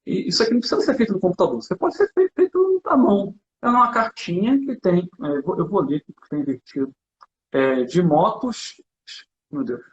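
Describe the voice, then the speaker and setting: This Brazilian teacher's chat is brisk and high-pitched as he animatedly demonstrates classroom materials, sprinkling in the filler "né". It's a casual conversation. An echoey room and muffled recording color the audio.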